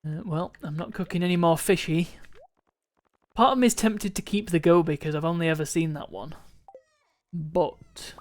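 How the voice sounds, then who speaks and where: A man's voice: on the high side, moderate pace. A man chatting casually on a live stream while gaming, musing aloud and wandering between thoughts. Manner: rambling, musing aloud with restarts and chuckles.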